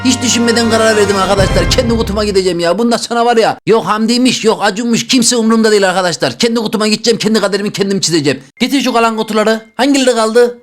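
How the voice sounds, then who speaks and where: Energetic male gamer host, high and quick, jokey, swings between loud and hushed. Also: soft background music. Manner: excitable, jokey, rapid banter with swings in pitch. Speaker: gaming YouTuber. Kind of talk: playing a game show on camera.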